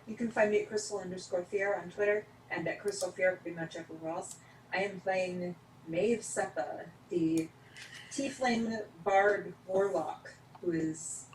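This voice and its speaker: A relaxed woman introduces herself and her character to the group. Her voice is mid-pitched and trails off softly. She sounds distant from the mic in an echoey room. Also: slight background noise. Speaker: player. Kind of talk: casual self-introduction.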